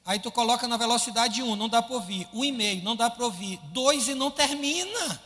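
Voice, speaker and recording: A man preaching a sermon as pastor, animated, firing rhetorical questions at his congregation and acting out his listeners' complaints. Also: extremely high pitch, fairly quick, long reverb tail.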